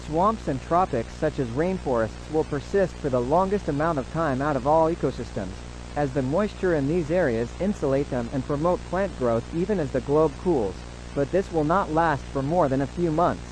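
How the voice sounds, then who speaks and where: In a scripted audio drama, a man plays a solemn government emergency announcer, reading what sounds like an official survival bulletin in a slightly high voice. His delivery is formal, measured, instructive and lightly acted, with a faint hum and hiss behind him.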